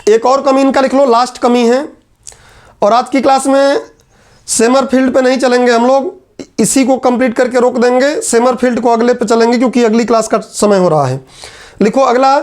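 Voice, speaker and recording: A man's voice: very high voice, fairly even intonation, a little mellow. A male teacher, dictating lecture notes point by point and repeating each line for students to write. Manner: repetitive, dictates points slowly then explains in quick asides.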